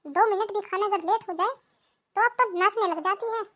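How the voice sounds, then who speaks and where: A woman voicing a resentful elder daughter-in-law in a cartoon, sharp and scolding. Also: very high voice, normal speed. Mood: irritated.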